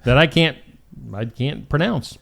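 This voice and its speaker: A man's voice: a little high, expressive, measured pace, vocal fry, fairly bright tone. A man hosting a morning show, reading out weird news stories in a jokey, casual way. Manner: jokey, reads stories aloud and laughs at them.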